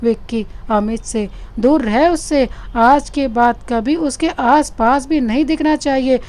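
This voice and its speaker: A woman's voice: high voice, slow pace, darkish tone. A woman voicing a hot-tempered, possessive young male college student in a Hindi audio story, speaking in a bossy, threatening way.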